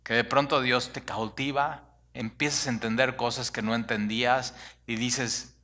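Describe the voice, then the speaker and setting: A man preaching a sermon, animated and conversational, full of rhetorical questions. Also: medium pitch, normal speed. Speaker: pastor.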